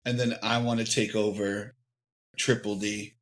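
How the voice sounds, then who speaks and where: A man's voice: level tone, measured pace, fairly bright tone. A man chatting casually on a podcast, joking around and laughing often. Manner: jokey, laughs a lot, puts on silly high voices. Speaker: podcast co-host. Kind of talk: casual chat.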